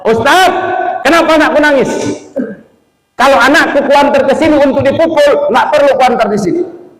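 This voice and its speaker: A man voicing an indignant mother who scolds a Quran teacher in a high, shrill voice. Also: normal speed, a crowd in the background, close to an everyday voice. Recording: echoey mosque hall.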